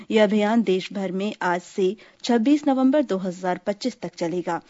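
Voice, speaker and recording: A woman reading a formal news bulletin in a steady, measured voice. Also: mid-range voice, muffled recording. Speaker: news reader.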